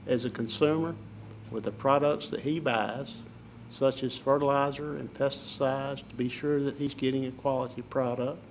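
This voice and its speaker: An older man from southern Alabama, speaking with a Southern Alabama accent, answers interview questions as a political candidate in a folksy, halting way. His voice is medium-pitched and darkish, and the rough recording carries a little hiss or hum.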